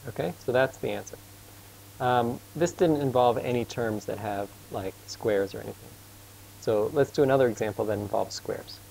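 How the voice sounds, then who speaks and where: Guy tutoring math, gravelly, patient and casual, bit of hum behind. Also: medium pitch, a little mellow, rough recording. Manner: casual and patient, quizzes his student, admits he talks fast. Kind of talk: informal tutoring lesson.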